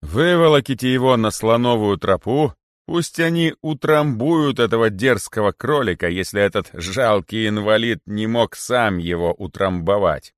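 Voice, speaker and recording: A haughty serpent king, as a man puts him on, drawing out his words in a slow, hissing, stern way. The voice sits low and dry, close to the mic, and swings widely between cold, drawn-out threats and sudden bursts. It is a storybook figure read aloud. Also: expressive, no room sound, close to an everyday voice. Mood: stern command. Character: haughty, menacing male python king, ruler of boas.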